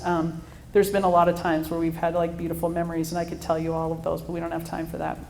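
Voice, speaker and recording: A woman's voice: on the low side, darkish tone, a little hiss or hum. Earnest woman speaker in an echoey hall. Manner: earnest, storytelling, laughs now and then. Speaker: speaker at a mother-daughter church event. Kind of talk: personal faith talk to an audience. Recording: echoey room with faint ambience.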